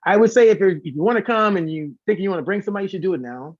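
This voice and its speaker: Heard through dull audio, a high-pitched man talks rapid-fire as an informal interview guest. He's a singer and concert organizer, chatty and inclined to repeat words for emphasis.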